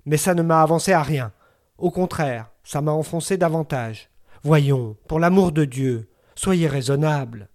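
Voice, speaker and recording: A brusque old neighbor woman, voiced by a man reading a story, bossing everyone around with gruff authority in a raised, higher voice. She scolds and fusses at length and never softens into sweetness. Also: measured pace. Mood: scolding. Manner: brusque, bossy and fussing.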